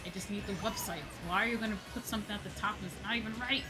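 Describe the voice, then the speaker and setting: A woman with a mid-range voice races through her words. She's a VTuber host on a casual gaming livestream, opinionated and emphatic, swearing freely, with video game music behind her.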